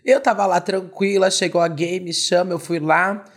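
A Brazilian woman co-hosting a gossip podcast, hoarse from losing her voice, telling stories in an animated, slangy, self-mocking way. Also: lowish voice, normal speed. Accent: Brazilian Portuguese. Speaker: podcast co-host. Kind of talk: casual gossip chat.

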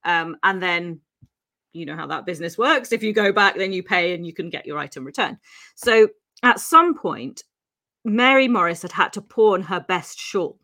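Speaking at a normal pace, this podcast co-host from Wales has a fairly low, bright, forceful voice with lively intonation. She tells a true-crime tale conversationally, laughing often and using fillers, her English tinged faintly with Welsh.

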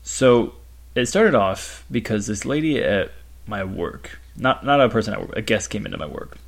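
A man's voice: lowish voice, animated, moderate pace. A young man in his twenties, co-hosting a podcast and telling rambling stories with lots of fillers. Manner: rambling storyteller, fillers, laughs a lot. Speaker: podcast co-host. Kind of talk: casual chat.

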